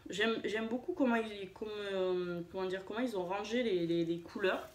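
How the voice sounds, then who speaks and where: A woman's voice: mid-range voice, moderate pace. A woman chatting casually in a beauty vlog, hesitant, with many fillers and restarts, poking fun at herself. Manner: chatty, self-deprecating. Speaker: beauty vlogger. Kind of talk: casual haul and swatch video. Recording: echoey room.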